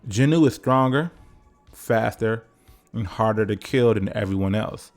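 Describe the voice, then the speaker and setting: A man's voice: fairly low pitch, measured pace, soft background music. A man narrating a casual comedic video essay, full of jokes, profanity and conversational asides to the viewer.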